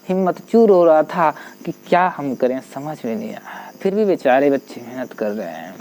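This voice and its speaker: A male teacher explaining a literature text. He retells the story in an animated way, paraphrasing and repeating lines as he goes. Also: sits high.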